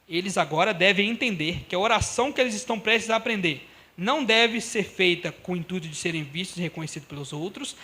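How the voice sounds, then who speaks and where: A man's voice: sits high, bright, forceful tone. A young man preaching a sermon in a church, talking conversationally and speaking straight to the congregation. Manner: conversational, addresses the congregation directly.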